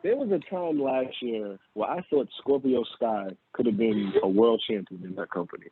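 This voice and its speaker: A low-key male co-host chiming in with quiet remarks in a middle-pitched voice. His sound is thin and phone-like, with a faint hiss behind it. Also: moderate pace. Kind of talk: casual talk radio chat. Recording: phone-like line with faint noise.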